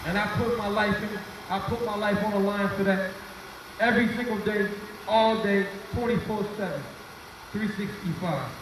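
A man's voice: high voice, normal speed, background noise. A man emceeing a night rally on a mic in an outdoor plaza, speaking earnestly and repeating his key phrases. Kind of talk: speech to a crowd at a rally. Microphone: handheld mic through speakers, filmed from afar. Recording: echoey outdoor PA, far phone camera.

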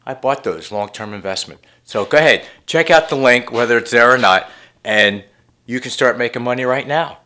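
A man in his fifties walking around his basement gym, talking into a phone at arm's length, mocking a money guru's sales pitch with deadpan boasts. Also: moderate pace. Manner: mock-earnest guru salesman, deadpan boasting; walks around while talking. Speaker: fitness vlogger. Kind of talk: parody sales pitch to camera. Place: home basement gym, indoors. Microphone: phone camera at arm's length.

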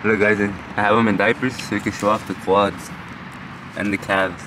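A man's voice: lowish voice, flat delivery, moderate pace. A young man, chatting casually to camera as a fitness vlogger. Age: young adult. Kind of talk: casual vlog chat to camera. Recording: noisy vlog audio with ambient noise.

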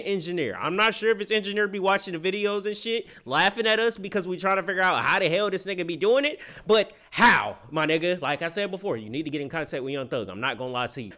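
A man's voice: high voice, a bit bright. A young man streaming from a small home room, reacting to music in loose, slangy talk and wondering aloud into a close desk microphone. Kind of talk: casual reaction commentary. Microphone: close studio microphone on the desk.

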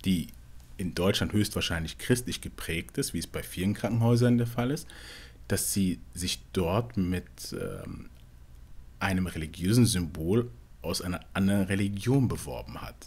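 A man from Togo, a panelist in a casual discussion, talking in a measured, analytical way. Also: low voice, lively intonation, darkish tone, husky.

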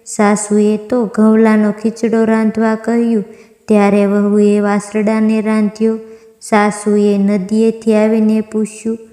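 A woman narrating a devotional fasting-day story in an even, recited manner. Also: medium pitch, soft background music. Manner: slow, even, recited delivery. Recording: echoey room with long reverb.

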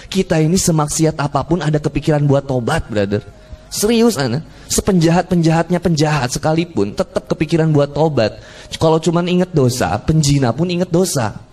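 A man preaching a sermon, telling funny stories and acting out the people in them. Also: high-pitched. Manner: jokey, acts out dialogue, frequent laughter from crowd. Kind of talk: humorous sermon storytelling.

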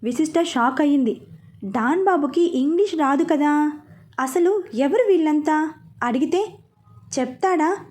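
A woman narrating a serialized romance story in a steady, plain storytelling manner. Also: high-pitched, measured pace, pauses often.

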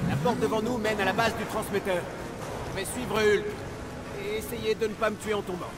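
A man acts an earnest superhero in the thick of a video game fight. His high voice is direct and alert, set against very loud music. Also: steady tone, a little fast, close to an everyday voice. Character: earnest, alert male superhero teammate in combat. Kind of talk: video game voice acting, French dub.

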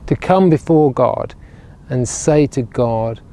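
With lively intonation and a mellow, medium-pitched voice, the regional minister takes his time. He preaches earnestly to camera on a sunny day by ruined castle walls, frequently repeating words while building a point, through a clip-on lapel mic.

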